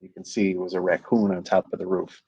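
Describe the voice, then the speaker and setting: A school superintendent reading a children's bedtime story aloud, with relaxed, chatty asides between passages. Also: male voice, deep voice, fast, slightly rough, muffled recording.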